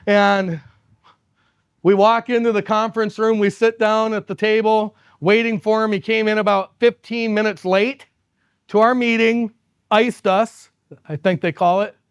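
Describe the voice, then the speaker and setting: High-voiced animated man on stage. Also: clean tone, dry recording, studio quality. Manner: animated, laughs often, acts out quoted people. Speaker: company executive giving a keynote. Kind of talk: conference keynote storytelling. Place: conference stage.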